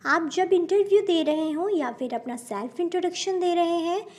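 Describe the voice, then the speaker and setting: An Indian woman with a very high, darkish voice teaches spoken English in Hindi. She goes slowly and carefully, mixing in English words and often addressing her viewers as friends.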